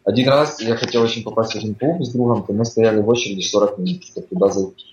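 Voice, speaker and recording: A guest living abroad chats at length in an interview, relaxed and explanatory with lots of fillers. He has a lowish voice and talks fast, heard over echoey, dull remote audio with slight background noise.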